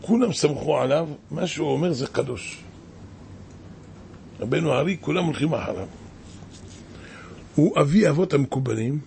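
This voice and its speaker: A man's voice: a little high, lively intonation, creaky, long pauses, a little mellow, slight background noise. A man preaching a sermon as a rabbi, impassioned and exclaiming, with many rhetorical questions.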